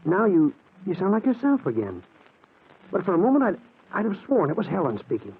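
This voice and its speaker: An actor playing an anxious, devoted young husband who stammers earnestly in 1940s radio acting style, on a tinny old broadcast. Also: male voice, high-pitched, wildly swooping pitch, fairly quick, creaky, slightly rough, full character voice. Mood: flustered.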